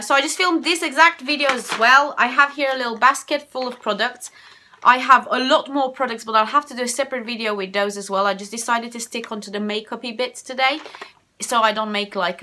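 Bright chatty Romanian-accented young woman. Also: mid-range voice. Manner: chatty, rambling, repeats herself. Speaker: beauty vlogger. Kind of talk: casual product review. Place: home room with shelves of cosmetics.

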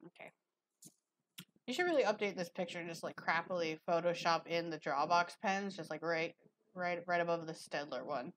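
A woman's voice: on the low side, normal speed, slight background noise, low-quality recording. A woman streamer casually reading a drawing lesson aloud, with chatty, rambling asides.

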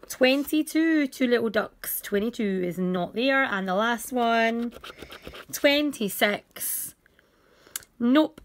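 Casting: woman, mid-pitched, chatty number-calling in bingo-caller manner, noisy home recording with scratching. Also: a bit bright. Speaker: host of scratchcard videos. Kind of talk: casual vlog commentary while scratching lottery cards. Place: indoors at a table.

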